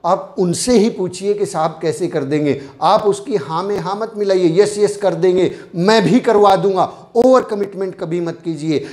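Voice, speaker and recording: A man's voice: sits high, darkish tone. A man giving a motivational network marketing training talk, emphatic and repeating his key points as refrains.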